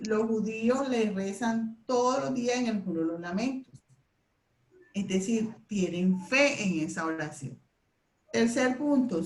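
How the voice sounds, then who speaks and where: Woman teacher with a higher voice, explaining step by step to a class, in a roomy echo. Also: darkish tone. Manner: explains step by step, leads group recitation. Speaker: Bible memorization teacher. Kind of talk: classroom lesson.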